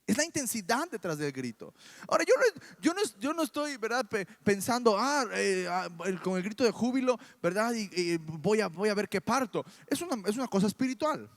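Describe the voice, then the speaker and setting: A man with a Mexican Spanish accent preaching a sermon in church, animated and full of rhetorical questions. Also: high voice, fairly quick.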